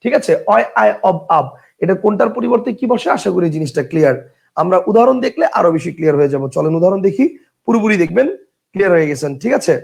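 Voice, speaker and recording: A man's voice: high voice, gravelly, a little mellow. A man teaching an online grammar class, repeating key phrases, quizzing students and reading out viewer comments.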